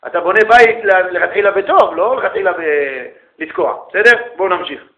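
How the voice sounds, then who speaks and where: A man lecturing as a rabbi, animated, calling listeners brother and asking rhetorical questions. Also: high voice. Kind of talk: lively religious lecture. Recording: echoey room, tinny phone-like sound.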